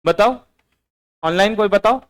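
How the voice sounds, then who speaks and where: A man teaches in a high, light voice. He dictates notes slowly, says each phrase twice, and presses his online students for answers. His voice sits well above the usual male range. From Bihar, India. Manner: slow and repetitive, quizzing online students. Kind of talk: classroom lecture, dictating notes.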